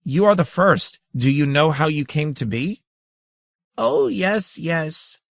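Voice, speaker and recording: A man voices a tiny, ancient female creature that giggles, teases, and chitters with gleeful, tinkling playfulness. His lively, slightly high delivery is pitched above his natural voice yet stays close to everyday speech, at normal speed, studio quality with no echo.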